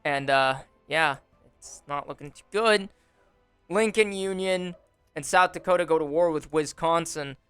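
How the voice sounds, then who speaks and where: A young man giving relaxed, wry commentary on a strategy game simulation, with frequent fillers, recorded close on a desk mic at home. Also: fairly high pitch, a little slow, smooth, no room sound. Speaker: gaming YouTuber. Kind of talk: casual gameplay commentary. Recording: dry close voice over faint music. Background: faint background music.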